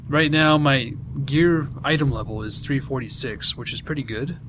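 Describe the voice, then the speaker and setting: A man's voice: medium pitch, normal speed, noisy background. Chatty British man talking games. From Britain. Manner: enthusiastic, rambling explanations with many fillers. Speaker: podcast co-host. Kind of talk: casual gaming chat.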